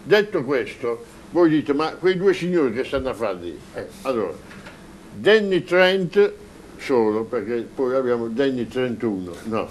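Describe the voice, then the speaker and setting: A man's voice: mid-range voice, lively intonation, normal speed, darkish tone, slight background noise, low-quality recording. Male TV host, mid voice, loose joking studio patter. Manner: chatty and joking, with fillers. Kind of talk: live studio presenting.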